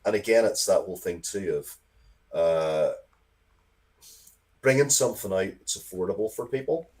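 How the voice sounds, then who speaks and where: Speaking at a normal speed in a low voice, this middle-aged man is a guest in an interview. He creates games and comics, and he rambles through animated stories, cursing liberally along the way.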